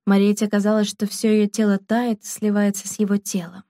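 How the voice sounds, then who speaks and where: Female audiobook narrator, calm even reading, mellow dry sound. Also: mid-range voice, a little fast, dry recording. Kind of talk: scripted narration.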